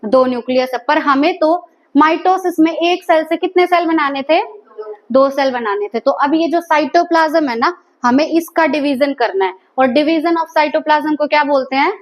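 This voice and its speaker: A woman's voice: high-pitched, normal speed. A woman teaching a biology class, asking her students questions and repeating their answers. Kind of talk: classroom lecture.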